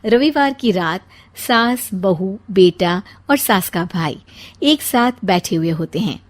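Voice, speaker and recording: A woman's voice: mid-range voice, lively intonation, takes it slowly. A woman narrator reading a scripted comic story.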